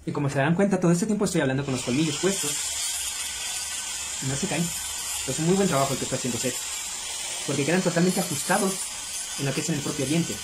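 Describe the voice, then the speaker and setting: A man's voice: fairly high pitch, quick pace, long pauses. A middle-aged man, hosting a video and explaining things casually to viewers. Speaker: video host. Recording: clear background noise.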